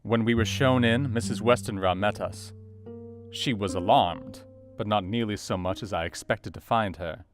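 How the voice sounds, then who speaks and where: An actor playing an earnest, educated Victorian doctor, narrating his diary in a measured, formal way for an audio drama. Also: on the low side, close to an everyday voice. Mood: grave, reflective. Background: soft guitar music.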